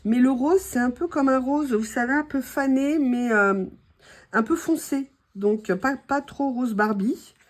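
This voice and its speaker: Somewhat high-voiced French woman, a little hoarse, gushing casual vlog chat. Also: unhurried. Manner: chatty, gushing, many fillers. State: slightly hoarse. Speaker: craft vlogger opening mail.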